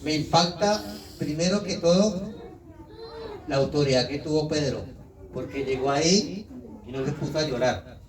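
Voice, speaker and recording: A Colombian man preaching in a lively voice, somewhat high for a man. He sits back from the mic in a roomy, echoing hall, and a congregation can be heard around him. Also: normal speed, long pauses, crowd noise. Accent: Colombian Spanish. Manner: lively preaching, teasing the congregation with questions and mock quotes. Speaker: visiting pastor. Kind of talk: sermon. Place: church hall. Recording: echoey hall, mic far off, congregation audible.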